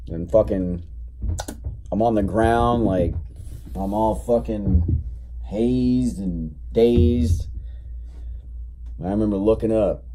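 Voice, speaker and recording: A man's voice: low-pitched, dark tone, slight background noise. A young man casually telling a story in a rambling, profane, laid-back way, still recovering from being sick. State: recovering from illness, coughing. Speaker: vlogger.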